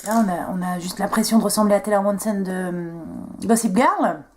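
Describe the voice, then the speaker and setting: There's slight background noise as a young beauty vlogger chats her way through a makeup tutorial in a mid-range voice at normal speed. She jokes at her own expense and is chatty, walking viewers through each step.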